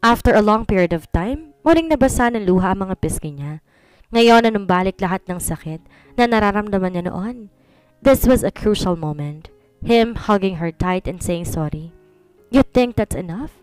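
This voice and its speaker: A woman narrating a romance story in an even storytelling manner. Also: mid-range voice, moderate pace, clean tone, no echo, faint music behind. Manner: even storytelling, mixing two languages.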